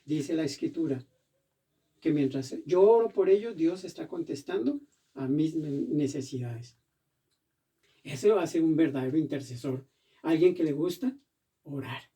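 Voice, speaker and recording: A man preaching a sermon as pastor in a church, animated and acting out the voices he quotes. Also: fairly high pitch, a little slow, pauses often, far from the mic.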